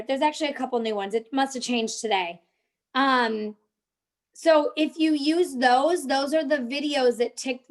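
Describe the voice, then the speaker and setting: Sharing social media tips on a relaxed live stream, this young, high-voiced host keeps up a conversation with viewers in the chat as she guides them along.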